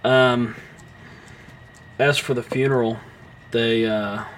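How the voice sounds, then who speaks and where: A young man co-hosting a casual film podcast, his speech full of ums, restarts and offhand swearing. His voice sits at an ordinary pitch, with a faint hum of noise behind him. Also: steady tone, takes it slowly, fairly bright tone. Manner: rambling, many fillers and restarts. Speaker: podcast co-host.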